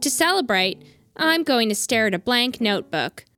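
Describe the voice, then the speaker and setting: A woman playing a deadpan, eccentric female president in a children's comedy audio drama. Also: on the high side, faint music behind. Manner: deliberate, deadpan. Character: deadpan, dull woman president with odd tastes.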